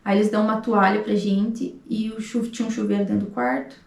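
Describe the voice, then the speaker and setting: A woman's voice: mid-range voice, flat delivery, quick pace, creaky. A woman in her thirties with a Brazilian Portuguese accent, telling a personal story with emotion and acting out the dialogue. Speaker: vlogger. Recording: echoey room, distant mic.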